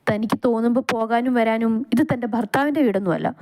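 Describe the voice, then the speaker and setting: A woman's voice: fairly high pitch, fast talker, a little mellow, close to an everyday voice. Woman voicing a curt, scornful young boss. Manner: curt, scolding. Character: arrogant young male hospital director, harsh.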